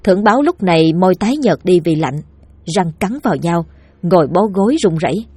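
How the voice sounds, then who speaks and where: A woman narrating a village ghost story in a lively storytelling manner. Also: lowish voice, brisk, husky, no room sound.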